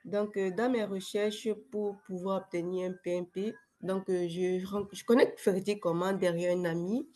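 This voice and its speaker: A young adult woman, a former client, gives a casual testimonial as a guest on a video call webinar while sick with a cold that affects her voice. Her medium-pitched, mellow voice stays fairly even at a normal speed with few pauses, though she sounds hesitant, with many fillers and restarts.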